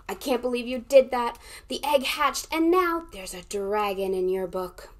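A young woman reads a picture book aloud to small children, taking it slowly and giving every word room. Her voice sits a touch high. She plays up each moment with gasps and cheerful calls for the listener to join in. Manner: animated, with gasps and playful prompts to the listener. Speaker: children's librarian.

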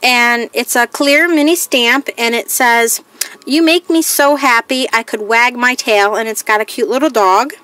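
A woman with a slightly higher, sharp-toned voice, a crafting vlogger, chats unhurriedly through a haul in casual show-and-tell fashion, reading each piece aloud as a plain list. Faint music can be heard behind her.

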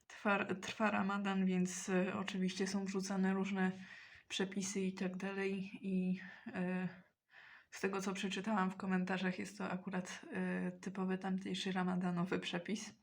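A woman talking casually in a mukbang while eating, hesitant and often pausing mid-sentence to think. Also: medium pitch, completely flat delivery, creaky. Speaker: mukbang vlogger.

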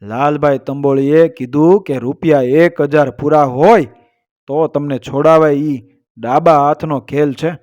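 A crafty, scheming trickster, as a man puts him on in a spoken folk tale, haggling in a sly, knowing way. The voice sits a touch high for a man. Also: steady tone, measured pace, a little mellow, muffled recording, natural voice. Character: crafty scheming male trickster, middle-aged.

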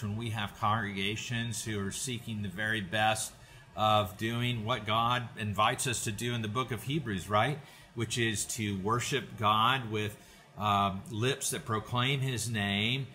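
A man's voice: medium pitch, sharp tone. An older man speaking earnestly to camera as host of a church video podcast, with many hesitant fillers and restarts, from a book-lined home study. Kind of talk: casual heartfelt address to camera.

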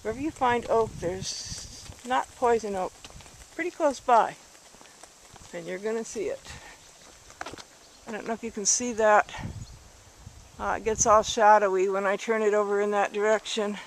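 A woman's voice: moderate pace, long pauses. A woman narrating her walk along a rural road at dusk, thinking aloud and correcting herself as she films with a handheld camera. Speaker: hiker filming a walk. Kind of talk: casual narrated walk video. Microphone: handheld camera mic. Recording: faint outdoor noise, handheld camera. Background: distant highway traffic.

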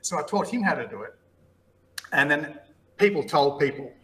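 Aussie guy on a podcast, bright voice, chatty storyteller, does the voices of the people in his stories. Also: fairly high pitch, moderate pace, rough recording. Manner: lively anecdotes, often acting out what others said. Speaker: podcast guest. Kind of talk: casual interview storytelling.

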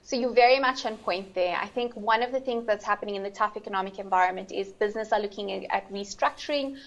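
A woman's voice: mid-range voice, fast talker. A woman, answering as an insurance expert on a panel, articulate and businesslike. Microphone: video call. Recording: slightly muffled video call audio.

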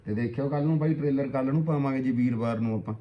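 A man's voice: mid-range voice, rapid-fire, highs cut off. A man with a Malwai Punjabi accent, chatting casually as an interviewer promoting a channel. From Barnala district, Punjab. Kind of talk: casual vlog chat.

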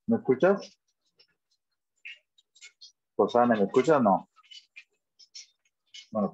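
A man's voice: mid-range voice, fairly bright tone, no echo. Patient man teaching Spanish on a call. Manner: patient, encouraging, repeats and checks understanding. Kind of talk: online class over video call. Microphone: video call. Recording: dull lo-fi call audio.

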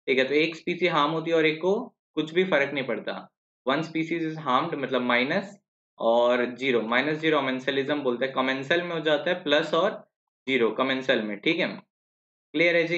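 A man's voice: mid-range voice, fairly bright tone. Chatty male biology tutor, echoey lo-fi. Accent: Indian English. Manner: chatty, quizzes students and answers for them; mixes Hindi with English terms. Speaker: biology teacher. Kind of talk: live online exam-prep class. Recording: echoey, dull lo-fi live stream audio.

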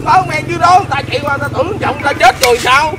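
A man's voice: very high voice, very fast. A man playing a panicky, easily frightened young woman in a comedy prank skit, stammering and repeating words. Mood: panicked. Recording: loud music and crowd noise behind.

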